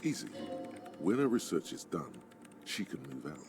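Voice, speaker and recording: A male actor voicing a detective's knowing, sardonic inner voice as theatrical, deliberate game narration. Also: sing-song, darkish tone, faint music behind. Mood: dry, prodding. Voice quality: deep, gravelly.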